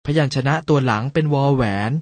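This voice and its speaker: A man's voice: mid-range voice, dry recording. A man narrating a school lesson for young children, carefully reading out words and their pronunciations. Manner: slow, careful word-by-word reading aloud. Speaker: teacher.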